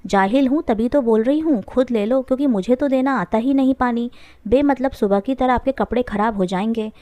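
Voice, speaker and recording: A woman voicing a meek, long-suffering young wife and mother who speaks softly and pleadingly. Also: on the high side, fairly quick, dry recording, lightly acted. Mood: defiant. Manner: soft, pleading.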